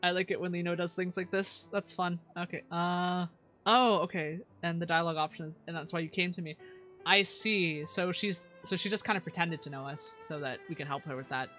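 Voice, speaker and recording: A woman's voice: lowish voice, fairly even intonation, a little fast, a bit bright, faint music behind. A woman live streamer chatting casually over a game and reading out viewer comments, in a cute anime-streamer manner with slangy, stammering rambles. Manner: stammering, repeats words.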